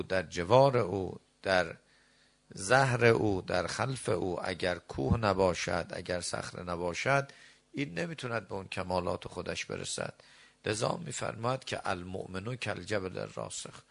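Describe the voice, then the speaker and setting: A middle-aged man preaching a sermon, reciting verses and scripture and then explaining them, moving between slow deliberate phrases and quick asides. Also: deep voice, expressive. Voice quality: gravelly.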